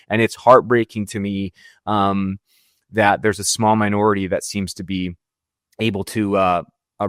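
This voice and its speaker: A man's voice: lowish voice, dry recording, studio quality. A middle-aged Canadian man, a football coach, answering in an interview, earnest and emotional. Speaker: high school football coach. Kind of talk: interview guest.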